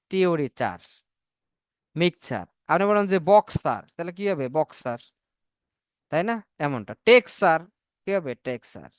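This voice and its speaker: High-voiced man teaching English online. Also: clean tone, no echo, clean studio sound. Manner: explains in Bengali, asks and answers his own questions, spells words out. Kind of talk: online class lecture. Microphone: computer mic on a video call.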